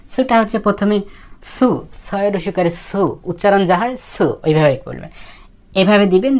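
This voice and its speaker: Woman, very low voice, casual teacher, slow step-by-step explanations, soft trailing delivery. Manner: explains slowly, repeating each step of writing the letters. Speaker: Japanese language teacher. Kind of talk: casual spoken lesson.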